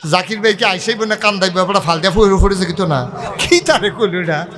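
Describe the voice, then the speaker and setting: A man preaching a waz sermon, telling stories in lively voices and rising to sudden high shouts. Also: fast talker. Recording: long hall-like reverb.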